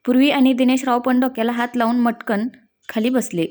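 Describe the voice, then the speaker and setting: Mellow-voiced woman storyteller. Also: fairly high pitch, little pitch movement, fairly quick. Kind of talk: scripted story narration.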